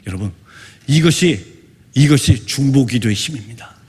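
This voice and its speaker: A man from Korea, a missionary pastor, preaching an evangelical sermon with testimony, fervent and emphatic and rising to shouts, in a church sanctuary. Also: medium pitch, expressive, normal speed. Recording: long church-hall reverb.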